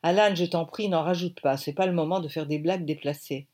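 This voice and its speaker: A woman's voice: sits low, fairly even intonation, brisk, a little mellow. A woman voicing a bossy, impatient female film producer who gives curt orders. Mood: commanding. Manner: curt, commanding.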